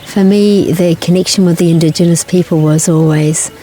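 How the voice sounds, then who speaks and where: An older woman who grew up in New Zealand, answering interview questions in a gentle, thoughtful way with pauses and restarts. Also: on the low side, steady tone, a little hiss or hum, poor audio. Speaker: guest, singer-songwriter.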